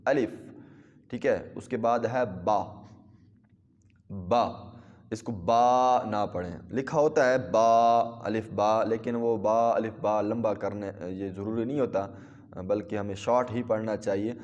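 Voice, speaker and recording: A man's voice: lowish voice, fairly even intonation, darkish tone, muffled recording. Patient male Quran teacher, reverberant room. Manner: patient, step-by-step explaining with many pauses; drawn-out model pronunciation of letters. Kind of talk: recorded Qaidah lesson.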